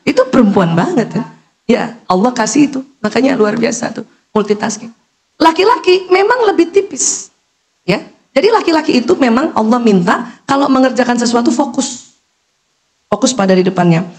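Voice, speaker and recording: A middle-aged woman doctor giving a lively parenting lecture, acting out calls and talking straight to the mothers listening. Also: fairly high pitch, moderate pace. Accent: Indonesian. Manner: animated, acts out calls and quotes, talks directly to mothers in the audience.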